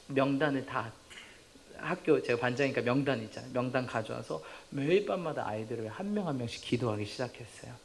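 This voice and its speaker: Lively storytelling male pastor. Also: mid-range voice, vocal fry, slight background noise. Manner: lively storytelling, acts out dialogue; humorous, laughs at own stories. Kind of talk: sermon with personal testimony. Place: church sanctuary.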